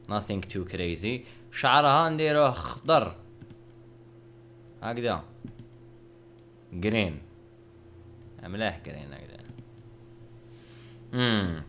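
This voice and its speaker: A man's voice: deep voice, fairly bright tone, slight background noise. A young man, casually talking through a drawing with joking, self-mocking banter. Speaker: video creator. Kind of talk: casual narration while drawing.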